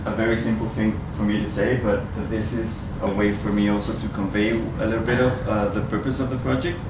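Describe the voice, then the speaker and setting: A man's voice: fairly low pitch, level tone, brisk. A man from Ecuador giving a presentation to an audience, speaking hesitantly with many ums and restarts. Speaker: researcher giving a talk. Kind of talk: presentation at a community event. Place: venue with a live audience. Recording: roomy sound from far off, noisy.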